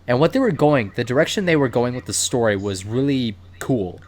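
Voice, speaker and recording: A man's voice: medium pitch, lively intonation, brisk. A man hosting a casual podcast, rambling enthusiastically and swearing casually, recorded over a voice call. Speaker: podcast host. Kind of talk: casual chat. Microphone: computer mic on a voice call.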